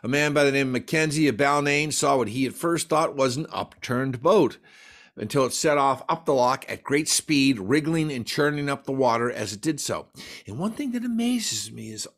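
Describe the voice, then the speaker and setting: A man's voice: medium pitch, expressive, moderate pace. A man presenting a folklore talk at a library, walking through slides in a chatty, digressive way with wry asides. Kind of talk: slide lecture.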